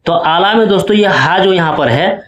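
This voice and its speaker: A man's voice: sits high, expressive, moderate pace, fairly bright tone, echoey room, lo-fi sound. A male teacher explaining exam questions step by step and often checking that his students follow. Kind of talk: exam-prep lesson.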